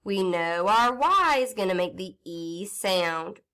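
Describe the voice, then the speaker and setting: A woman teaching phonics to young children in a recorded lesson, speaking slowly and carefully. She sounds out each letter step by step and keeps an encouraging tone. Her pitch sits in the middle range. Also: lively intonation, pushed and bright. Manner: encouraging, storybook read-aloud.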